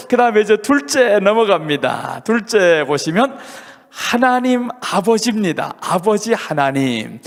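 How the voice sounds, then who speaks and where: Brief: male pastor with a high voice, emphatic revival preaching, long church-hall reverb. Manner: emphatic, with many rhetorical questions to the congregation. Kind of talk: revival sermon. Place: church sanctuary.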